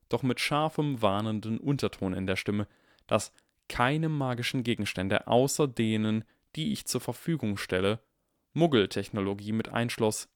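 A man narrating an audiobook in a lively, expressive, dramatic reading style. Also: fairly low pitch, clean tone, no echo, studio quality. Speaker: audiobook reader.

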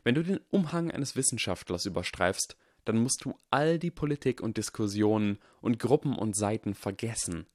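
Man reading earnest boy wizard, calm, measured, persuasive, deep-ish voice, dry close sound, storybook. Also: no echo.

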